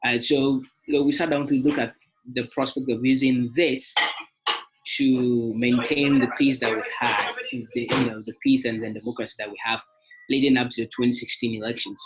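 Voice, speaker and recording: A young Ghanaian man, president of an alumni association, delivers a webinar presentation full of fillers and restarts. He speaks at a normal speed in a mid-range, level voice, with background noise audible.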